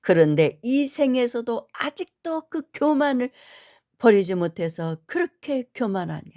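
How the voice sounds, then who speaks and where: A woman's voice: medium pitch, big pitch swings, a little mellow. A woman voicing a stern old monk rebuking. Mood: scolding. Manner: thundering rebuke, slow and drawn out. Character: stern older male Buddhist monk, scolding.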